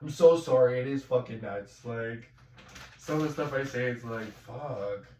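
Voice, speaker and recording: A man's voice: mid-range voice, unhurried, background noise. A young man rambling and ranting profanely while cooking at home, full of fillers. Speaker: vlogger. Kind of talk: rambling cooking vlog rant. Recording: echoey room, mic at a distance.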